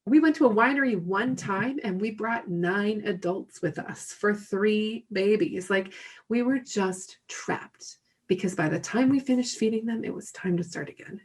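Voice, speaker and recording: A woman in her thirties telling her own parenting story candidly, animated and often laughing. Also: mid-range voice, slightly rough. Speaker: podcast guest.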